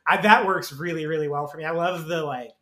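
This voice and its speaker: A man's voice: a little high, a little fast, fairly bright tone, echoey room. A man as a podcast guest, chatting casually and agreeably about films. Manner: agreeable, frequent yeahs and laughs. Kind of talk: casual film discussion.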